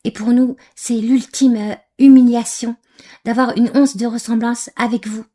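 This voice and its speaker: A woman's voice: a little high, fairly even intonation, a little slow, dark tone. A woman from Algeria giving angry, scornful reaction commentary on a video, with frequent hesitations. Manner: scornful, insulting, hesitant with many fillers.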